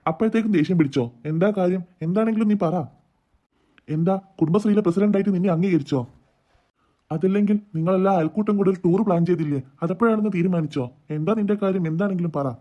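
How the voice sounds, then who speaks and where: A man's voice: high voice, lo-fi sound, lightly acted. A man voicing a teasing, stingy father and husband in a cartoon. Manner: teasing, brisk.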